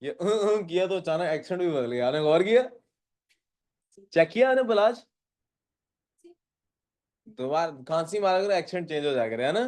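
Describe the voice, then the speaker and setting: A man leads a physics lesson in a classroom, and his voice sits a little high for a man. He reads each question slowly in English, then explains it in Urdu. He keeps checking in with his students, asking them for the answers. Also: lively intonation, darkish tone. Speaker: physics teacher. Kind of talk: classroom lecture.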